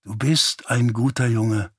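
A man voicing a tired mother who works in a mine, soft and caring with a little sternness, in dry audiobook narration. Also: medium pitch, fairly even intonation, slow, slightly rough, dry recording. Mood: tender. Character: weary, gentle mother working in a mine.

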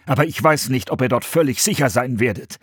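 A man's voice: medium pitch, fairly quick, husky, no room sound, studio quality, close to an everyday voice. A man voicing an adult monk giving directions in a storybook reading. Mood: urgent. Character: adult male monk, calm leader.

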